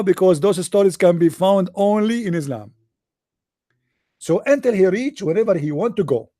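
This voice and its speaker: A man's voice: high-pitched, mellow, no echo. Sarcastic Arabic-accented man, dry close sound. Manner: sarcastic, mocking. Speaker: religious debater. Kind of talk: online debate talk.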